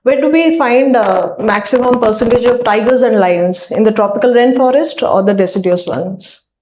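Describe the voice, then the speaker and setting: A woman's voice: fairly high pitch, normal speed. A woman with an Indian accent asking formal questions as an interview panelist. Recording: echoey room, faint noise.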